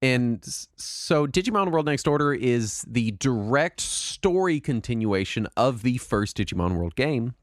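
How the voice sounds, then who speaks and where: A man hosting a podcast in casual, jokey, self-deprecating chat, his throat raspy from a cold. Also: mid-range voice, expressive, unhurried, few pauses, no echo, studio quality. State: sick with a mild throat cold and cough. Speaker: podcast host.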